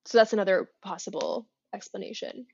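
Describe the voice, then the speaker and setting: A woman's voice: mid-range voice, fairly quick, creaky, husky, no room sound, highs cut off. A woman co-hosting a podcast, talking through poetry in a thoughtful, hedging way with many restarts. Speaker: podcast co-host. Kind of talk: casual literary discussion.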